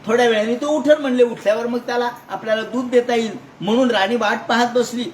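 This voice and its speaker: Man lecturing on scripture, high voice, dramatic storytelling with asides, roomy echo, faint hiss. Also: steady tone, fast. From Maharashtra, India. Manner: dramatic retelling that shifts between voices and asides. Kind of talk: storytelling religious discourse. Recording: echoey room with faint noise.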